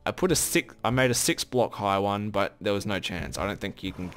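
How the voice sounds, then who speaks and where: Man, fairly low voice, casual let's play commentary, rambling, self-correcting, faint background noise. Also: fairly quick, a bit bright.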